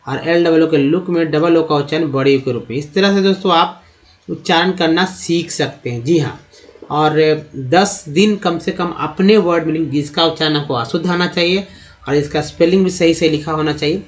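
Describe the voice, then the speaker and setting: A man's voice: on the high side, highs cut off. A man teaching English reading and vowel sounds, addressing viewers as friends and asking and answering his own questions. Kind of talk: explanatory lesson.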